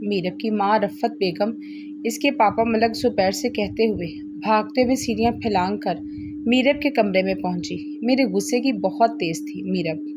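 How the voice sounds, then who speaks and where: A woman storyteller reading a romantic novel aloud with steady, expressive narration. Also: mid-range voice, moderate pace, music in the background.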